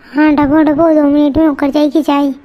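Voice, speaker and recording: A woman voicing a rustic, quick-tempered village tea-stall man with a Malwi accent, bantering bluntly in a cartoon. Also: high voice, flat delivery, lo-fi sound, close to an everyday voice. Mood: gruff.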